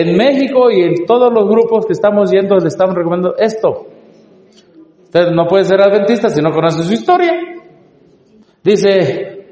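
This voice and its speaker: A man lectures a live church audience, earnest and urging as he addresses them directly. His voice sits a bit high but sounds mellow and soft-edged. The sound rings around a large hall, with a long tail of reverb. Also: lo-fi sound. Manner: earnest, urging, talks straight to listeners.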